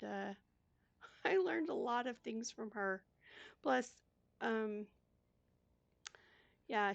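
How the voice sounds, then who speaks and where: An older woman chatting casually as she plays a cozy game, talking herself through each step in a soft voice. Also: a little high, creaky, no room sound, dull audio. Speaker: gaming YouTuber. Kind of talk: casual gameplay commentary.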